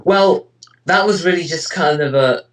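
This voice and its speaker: An amateur voice actor and web parody creator answers interview questions in casual chat, rambling hesitantly and leaning on filler like "you know" and "kind of." His voice is fairly high, a bit bright and unhurried, with a little hiss or hum.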